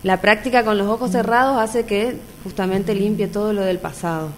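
A woman's voice: mid-range voice, steady tone, moderate pace, slight background noise. A woman with an Argentine accent, a mother sharing her personal experience in an open, earnest conversational way. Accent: Argentine Spanish.

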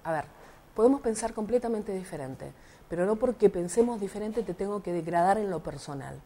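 Interviewed about an incident, this middle-aged Argentine woman, a lawyer who represents a party, speaks with indignation and performs the dialogue she quotes. Her medium-pitched, dark voice is animated and fairly quick, with rioplatense Spanish voseo, over slight background noise.

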